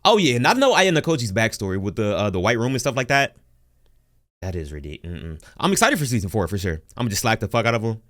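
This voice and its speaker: Animated man reacting loudly. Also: lowish voice, fast. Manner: loud, animated, laughing interjections. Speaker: reaction streamer. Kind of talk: casual live reaction commentary.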